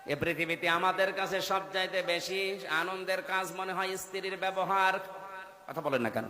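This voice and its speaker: A man in his thirties preaching a sermon, dropping to low murmurs and rising to loud chanted peaks. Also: moderate pace, a little hiss or hum. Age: 30s. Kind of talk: Bengali waz sermon with chanted passages. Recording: echoey hall with long reverb.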